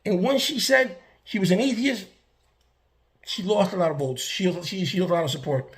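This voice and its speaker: A man's voice: high-pitched, moderate pace. A man from the Bronx, ranting to camera in a casual, emphatic way, with many restarts and fillers. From the Bronx, New York. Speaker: vlogger. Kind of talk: casual political rant to camera.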